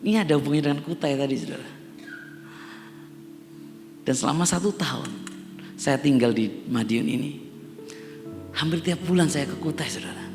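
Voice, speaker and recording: A middle-aged pastor from Java, Indonesia, preaches a sermon in a church hall, addressing the congregation again and again and building to emphatic peaks. His voice is a little high and gravelly, at a moderate pace with frequent pauses. Music plays in the background, with long church reverb and a faint instrument behind.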